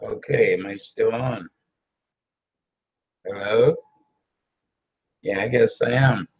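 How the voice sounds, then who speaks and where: A man's voice: fairly low pitch, slow, vocal fry, husky, muffled recording. A man hosting a casual late-night live show over a video call, with easygoing, joking banter. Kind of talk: casual livestream chat.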